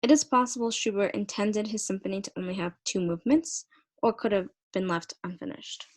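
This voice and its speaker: A woman's voice: medium pitch, a little fast. A young woman presenting a student research project, talking with many fillers, restarts and stumbles over names.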